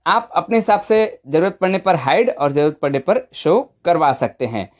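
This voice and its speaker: A woman's voice: fairly low pitch, expressive, normal speed, darkish tone. A woman presenting an informal step-by-step phone tutorial, conversational and often checking in with short tag questions.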